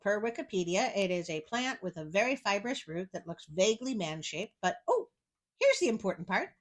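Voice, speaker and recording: A woman's voice: medium pitch, pushed and bright. A woman reading fairy tales aloud and breaking off often with sarcastic, wry comments. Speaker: storyteller.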